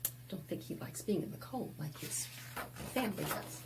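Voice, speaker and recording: A woman with a fairly low, creaky voice leads a picture book storytime for preschoolers, speaking animatedly at normal speed. She reads expressively and chats with the young listeners through asides and questions, over a noisy background.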